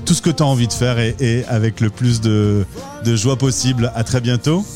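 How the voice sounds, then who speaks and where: A man hosting a radio interview, asking relaxed and teasing questions. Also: medium pitch, normal speed, music in the background. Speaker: radio host.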